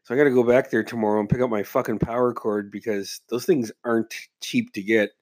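A man's voice: mid-range voice, fairly even intonation, brisk, darkish tone. A man hosting a casual solo podcast, congested and muffled from being sick, rambling along in a laid-back way with plenty of swearing. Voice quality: muffled, congested, stuffy-nosed. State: under the weather with a stuffy nose and slight cough. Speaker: podcast host.

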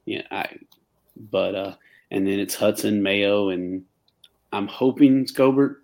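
A man's voice: on the low side, slow pace, gravelly, a little mellow. A man appearing as a guest on a sports podcast, chatting in an easygoing way with lots of fillers and hesitations. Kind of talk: casual sports podcast chat.

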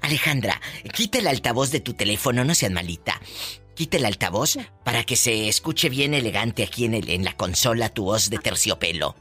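A woman's voice: rumbling low, expressive, brisk, a bit bright, breathy edge, faint music behind. A woman hosting a call-in radio show who teases her callers in a theatrical way and laughs often. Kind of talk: playful call-in radio banter.

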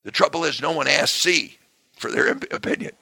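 Hoarse male guest, raspy tone, dry close sound, punchy delivery. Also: a little high, animated, a little fast, bright, forceful tone, no room sound. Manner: emphatic, punches key words. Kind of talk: political interview conversation.

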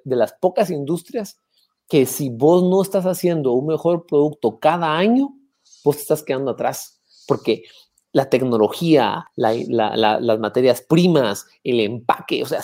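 A Guatemalan man with a Guatemalan Spanish accent, a brewery founder telling his story as a podcast guest, animated and full of restarts and fillers. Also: on the high side. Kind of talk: casual interview talk.

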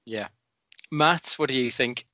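A man's voice: medium pitch, unhurried, bright, forceful tone, no room sound, lo-fi sound. A man hosting a casual football podcast, chatty and sweary, steering the discussion. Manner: chatty, sweary, moves the talk along. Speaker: podcast host. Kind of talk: casual podcast chat with scripted segments.

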